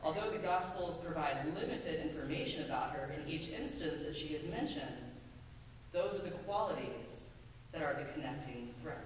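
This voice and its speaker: Here the American woman minister's low-pitched delivery is more animated, though still measured, deliberate and earnest, with emphatic lists. Her pulpit microphone and a faraway camera pick up an echoey sanctuary plus slight hiss or hum.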